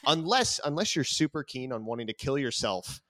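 A man's voice: mid-range voice, big pitch swings, a little fast, a bit bright, no echo, clean studio sound. A man co-hosting a casual podcast chat, venting with frequent swearing. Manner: swears freely, exasperated venting. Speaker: podcast co-host.

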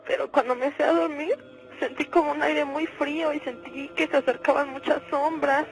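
A woman's voice: sits high, steady tone, normal speed, soft background music, rough recording. A young woman calls in to a radio show. She sounds frightened and pleads for help. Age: young adult. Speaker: caller. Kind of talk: radio call-in.

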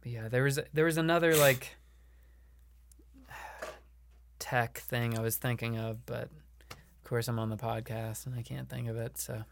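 A man's voice: medium pitch, steady tone, a little slow, gravelly, pauses often, slight background noise. A man chatting casually as a podcast guest, rambling with lots of fillers and frequent laughs. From Illinois. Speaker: podcast guest, comedian and show producer.

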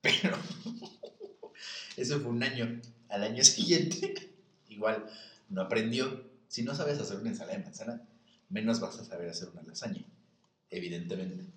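A young man with a Mexican accent tells stories in a lively, up-and-down voice, breaking into laughter and acting out the people he quotes. He sits back from the mic in a room with plenty of echo. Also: fairly low pitch, normal speed, pauses often, recorded from a distance. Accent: Mexican Spanish. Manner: animated, laughs often, mimics voices in anecdotes. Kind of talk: casual storytelling chat. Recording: echoey room, voice a bit off-mic.

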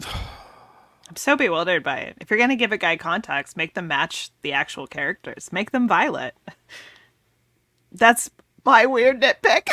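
A woman's voice: medium pitch, unhurried, pauses often, no room sound. A woman guesting on a podcast, chatting animatedly with gasps and frequent laughter. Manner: animated, gasping, laughing often. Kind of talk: casual podcast chat.

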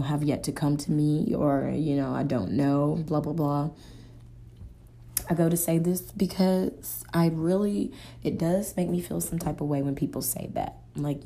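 A woman's voice: low-pitched, dark tone. A young woman, hosting a solo podcast in a rambling, casual stream of consciousness, often hunting for words. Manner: rambling, searching for words, filler-heavy. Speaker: podcast host.

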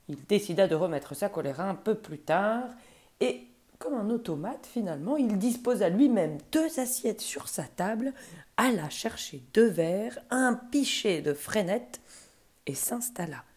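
A woman storyteller reading a children's tale aloud in a gentle voice that often drops to soft, hushed tones. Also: on the low side.

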